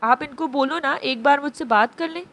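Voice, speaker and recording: Give me a high, innocent little girl who misses her mom, voiced by a woman reading a novel. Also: moderate pace, a bit bright. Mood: tearful pleading. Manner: sweet pleading childlike voice. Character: small grieving girl, innocent and eager.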